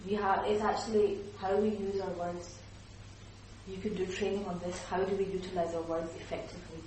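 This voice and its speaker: A woman trainer leading a lively workshop, slipping into little acted-out voices as she explains. She is recorded from across a very echoey room, so she sounds distant and hollow. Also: medium pitch, a little fast, background noise. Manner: lively, acts out example speakers. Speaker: teacher trainer.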